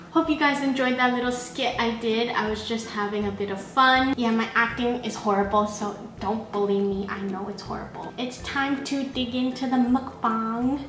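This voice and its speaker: A woman's voice: a little high, a bit bright, reverberant, a little hiss or hum, poor audio. A woman vlogger chatting casually and self-deprecatingly while eating a sandwich. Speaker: mukbang vlogger.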